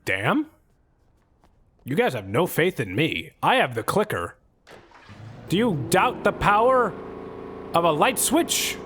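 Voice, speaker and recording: A man's voice: on the high side, sing-song, slow, pauses often, a bit bright, a little hiss or hum. A young adult man streaming a game live, rambling through sarcastic, profane jokes as he plays. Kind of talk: live gameplay commentary.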